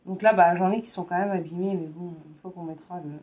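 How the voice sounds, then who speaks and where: A woman in her thirties from France with a sore, hoarse throat, chatting casually as a vlogger and hesitating often. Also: lowish voice, fairly even intonation, quick pace, a little mellow. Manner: hesitant, many fillers. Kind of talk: casual chat.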